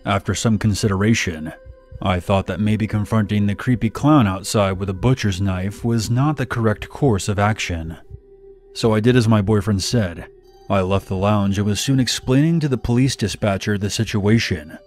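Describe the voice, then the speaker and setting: A man narrating a horror story in steady first person, scripted. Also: lowish voice, moderate pace. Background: faint music.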